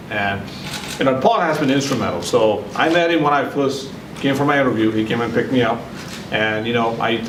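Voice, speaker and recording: Nepal-born man giving a halting speech. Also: medium pitch. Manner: halting, frequent fillers. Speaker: center director. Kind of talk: ceremony speech. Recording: echoey room from far off, noisy.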